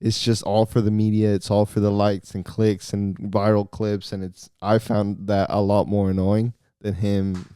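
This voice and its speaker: A man's voice: fairly low pitch, normal speed, hardly any pauses, clean tone, dry recording, studio quality. A man co-hosting a soccer podcast, talking casually and mixing English and Spanish. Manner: relaxed, mixes English and Spanish. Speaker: podcast co-host. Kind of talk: casual sports chat.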